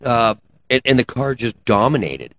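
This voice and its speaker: A race car builder and shop owner chats casually as an interview guest, swapping car stories in slangy, colloquial shop talk. His voice is medium-pitched and fairly bright, very animated, at a moderate pace. Ambient background noise is clearly audible in the recording.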